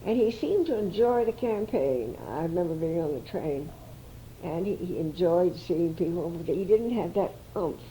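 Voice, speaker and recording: A woman's voice: on the low side, animated, moderate pace, dark tone, slight background noise, rough recording. An older woman reminiscing chattily as an interviewee, with frequent restarts.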